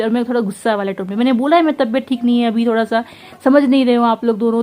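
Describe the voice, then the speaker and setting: Brief: young woman, home vlogger, fast animated storytelling, tired and unwell, slightly high voice. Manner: fast, animated recounting with quoted dialogue. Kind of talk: casual vlog storytelling.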